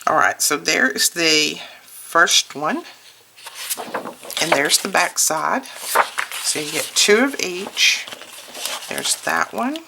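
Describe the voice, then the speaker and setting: A hoarse woman who is recovering from illness hosts a casual craft product video, chatting unhurriedly about each item as she handles it. Her voice sits low and is animated. Paper and packaging crinkle and clicks are clearly audible in the background.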